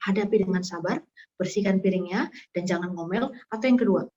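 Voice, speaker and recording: A young woman serves as guest speaker for a casual religious talk, telling lively stories and acting out scenes with sound effects. Her mid-range voice moves briskly, and the sound is lo-fi.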